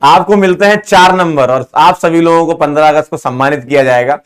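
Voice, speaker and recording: A man's voice: a little high, fairly quick, smooth. A male chemistry teacher wrapping up an online lecture, chatting casually and joking with his students, laughing often. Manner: playful, joking, laughs often, calls students 'beta' and 'bhai'.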